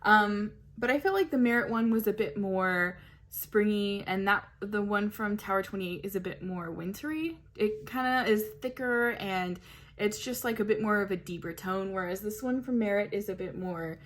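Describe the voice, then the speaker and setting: A woman's voice: mid-range voice, normal speed. Chatty woman gushing over makeup. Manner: chatty, gushing, many fillers. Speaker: beauty vlogger. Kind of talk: casual product review. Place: home, hot weather.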